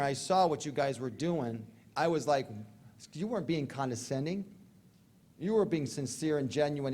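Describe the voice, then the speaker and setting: A man speaking to a convention crowd as a recovery speaker, telling his story in a jokey, slangy way with quick asides. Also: a little high, darkish tone.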